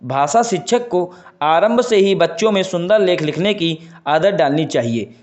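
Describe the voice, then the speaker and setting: A man's voice: sits high, expressive, moderate pace, darkish tone. A man teaching an online exam prep lesson, stressing key terms by repeating them and promising the viewers they will not go wrong. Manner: emphatic, repeats key terms and list items; addresses viewers as friends, makes promises.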